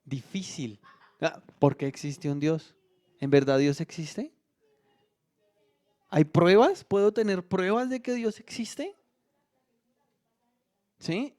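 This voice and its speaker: A middle-aged man preaches to his congregation in a relaxed, conversational way. He often turns his points into questions for the listeners. His voice sits a little higher than most men's. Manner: conversational, asks the audience frequent questions. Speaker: pastor. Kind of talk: sermon.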